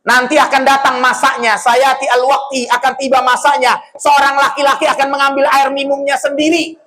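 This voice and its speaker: A man preaching a sermon, animated and often shouting, joking with his audience and quoting Arabic phrases. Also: very high-pitched, normal speed, slight background noise, rough recording.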